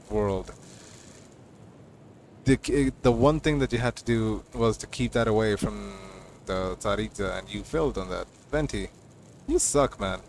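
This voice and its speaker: A man's voice: on the low side, gravelly, a little hiss or hum. A man streaming and chatting casually about game lore, rambling with lots of fillers and stammered restarts. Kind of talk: casual livestream chat. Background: game music.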